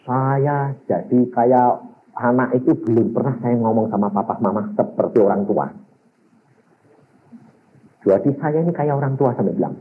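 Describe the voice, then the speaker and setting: A man preaching a sermon, telling a personal story with animated delivery and speaking straight to the congregation. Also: mid-range voice. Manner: animated, addresses the congregation directly. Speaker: pastor. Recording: tinny lo-fi phone-like recording with faint hiss.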